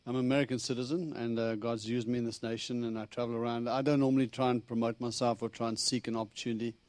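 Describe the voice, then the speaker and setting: In church, a visiting preacher, a middle-aged man from South Africa who speaks with a Texan accent, gives a funny, conversational sermon, acting out his talks with God. He talks fast in a mid-range, slightly mellow voice with a level tone, and the recording is dry.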